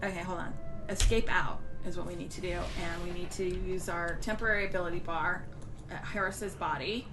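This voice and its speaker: A woman's voice: on the low side, steady tone, a little fast. A woman giving casual commentary on a game stream, chatting and thinking aloud as she plays. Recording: music behind the voice. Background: game music.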